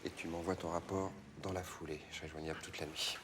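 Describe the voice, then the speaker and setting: An actor playing a curt police commander who gives firm orders. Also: male voice, low-pitched, little pitch movement, quick pace, noisy background, lightly acted.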